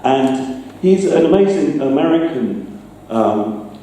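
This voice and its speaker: This presenter, who makes sound effects, gives an informal, chatty talk with a demonstration to a live audience, hesitant and self-deprecating. His voice is fairly high and dark in tone, very animated but slow. The recording comes from an echoey indoor venue with a distant mic and faint noise.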